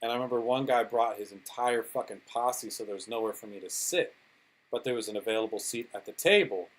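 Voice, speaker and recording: A man in a laid-back interview, speaking at an ordinary pitch. He rambles from one story to the next and swears without thinking about it, like a DJ talking shop. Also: fairly quick, poor audio. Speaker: podcast guest, DJ and producer. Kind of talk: casual interview chat.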